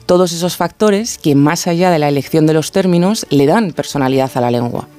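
A man's voice: fairly high pitch, a little fast, a little mellow. A man giving a didactic explanatory segment as a radio contributor, talking in carefully paced explanations. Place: radio studio.

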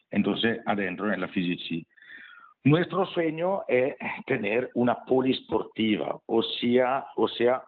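Man, Italian accent, non-native speaker, low-pitched, slow halting delivery, hesitant interview answers, tinny phone-like sound. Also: breathy edge. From Italy, Bergamo area. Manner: hesitant, halting, searching for words. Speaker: member of an amateur football club, interview guest. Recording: tinny narrow phone-like line.

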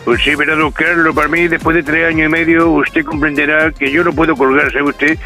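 A man's voice: on the high side, flat delivery, a little fast, music in the background, natural voice. A man voicing a chatty, folksy older woman, effusive with endearments, as a radio caller. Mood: affectionate. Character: chatty, affectionate older woman, radio phone-in listener from Málaga.

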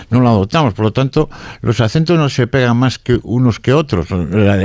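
A man's voice: fairly low pitch, darkish tone, dry recording. An older man with a Galician accent, talking as a radio contributor on a remote line, often repeating words as he thinks aloud. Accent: Galician Spanish. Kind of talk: radio talk segment.

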